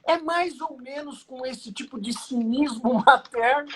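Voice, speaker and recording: A man's voice: extremely high pitch, unhurried, fairly bright tone, a little hiss or hum. A middle-aged Brazilian man, a defense lawyer, explaining a legal argument in conversation, with emphasis, rhetorical questions and a story from his childhood. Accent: Brazilian Portuguese.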